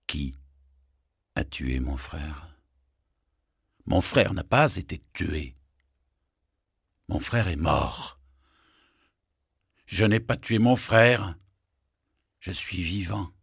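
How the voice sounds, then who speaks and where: A man's voice: low voice, expressive, drawn-out words, gravelly, pauses often, slightly rough, no echo, clean studio sound. A man performing spoken-word poetry with jazz, chanting and repeating lines, dropping at times into a whisper. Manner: incantatory, repetitive, shifts from shouting to whispering. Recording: jazz music playing behind. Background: saxophone jazz.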